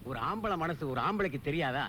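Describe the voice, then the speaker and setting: A man's voice: on the high side, expressive, fairly quick, bright, forceful tone, a little hiss or hum. An actor playing a nosy, wisecracking male friend who teases about romance. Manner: teasing and wisecracking. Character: teasing, worldly male friend, jokey and nosy. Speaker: friend, film character. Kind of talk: Tamil film comedy acting.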